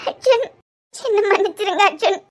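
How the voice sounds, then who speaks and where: A woman voicing a guilty, tearful young wife in a cartoon, with a Kanyakumari Tamil accent and a halting, apologetic way of speaking. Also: very high-pitched.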